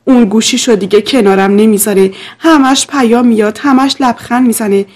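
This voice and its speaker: A woman's voice: fairly high pitch, fairly even intonation, darkish tone, lightly acted. A woman voicing a distraught young wife who pleads through tears. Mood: tearful, pleading. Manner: pleading, tearful.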